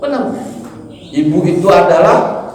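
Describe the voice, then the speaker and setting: A man preaching a humorous, animated study sermon in a mosque, now and then mimicking chanted prayers and neighbourhood gossip. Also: high-pitched, a little slow. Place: large mosque hall. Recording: echoey hall, mic from far off.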